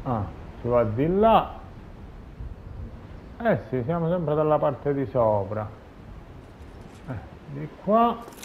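A man's voice: on the high side, sing-song, slow, long pauses, narrow, tinny audio. A man gives casual commentary while playing a video game. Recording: clear background noise and game ambience.

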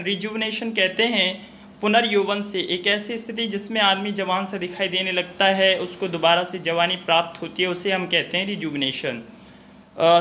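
Man, high-pitched, bright tone, spelling teacher, letter-by-letter spelling, steady explaining. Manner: spells words letter by letter, explains meanings slowly; steady instructional pace with hesitant "uh" fillers. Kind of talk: educational video lesson.

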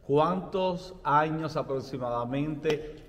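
A young adult man interviewing a guest, asking polite, measured questions. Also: fairly high pitch, in a large hall, a little hiss or hum. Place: studio set.

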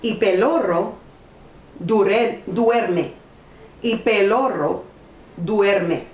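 A woman at home, reading a children's storybook aloud slowly and carefully. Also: mid-range voice, a little mellow. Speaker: storyteller and channel host. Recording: echoey room.

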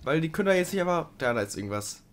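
A young man doing casual let's play commentary, chatting to the game creature and sometimes swearing loudly. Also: fairly high pitch, sing-song, very fast.

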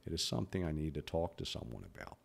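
Fast and sing-song, his rumbling low voice carries vocal fry and a breathy edge. The speaker is a man in his fifties, a podcast host who stutters, giving a frank, candid personal monologue about his life.

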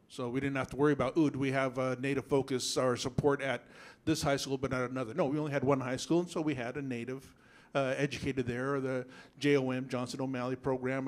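A man in his thirties from a reservation in Washington speaks into a handheld microphone in a public meeting room. His talk is earnest and halting, and his voice has a nervous tremor. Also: mid-range voice. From Yakama Reservation, Washington. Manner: halting, earnest, clears throat often. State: nervous, voice shaking. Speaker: school board member. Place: school board meeting room.

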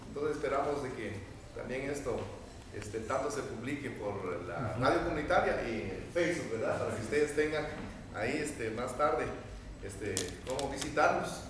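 Hesitant middle-aged man in an echoey room. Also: medium pitch. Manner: hesitant, many fillers and tag questions. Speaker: town mayor welcoming visitors. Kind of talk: informal welcome speech. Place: medium indoor meeting room. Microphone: far camera. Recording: echoey room, noisy, from far off.

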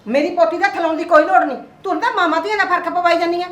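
An actress playing a harsh, sharp-tongued older mother-in-law in a short film. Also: very high voice, fairly even intonation, quick pace, reverberant. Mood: scolding. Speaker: actor. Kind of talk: Punjabi short film acting.

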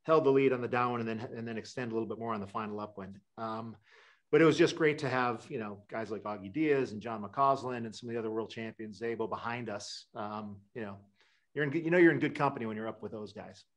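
Speaking quickly in a lowish voice, a middle-aged man from Wisconsin answers interview questions as a guest sailor over a webcam. The talk is casual and takes place in an indoor room, and his rambling replies are loose, with many fillers and restarts.

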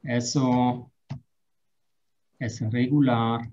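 Slow man teaching verbs. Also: mid-range voice, level tone, darkish tone, highs cut off. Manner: slow, careful drilling of verb forms. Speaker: German teacher. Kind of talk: online language lesson.

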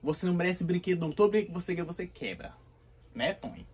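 A man's voice: sits high, expressive, rapid-fire, darkish tone, husky. A man playing a doting poor grandma. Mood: scolding. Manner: doting, coaxing, then scolding. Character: poor loving grandmother, fussy and sentimental. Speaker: comedy skit performer. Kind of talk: comedic sketch acting.

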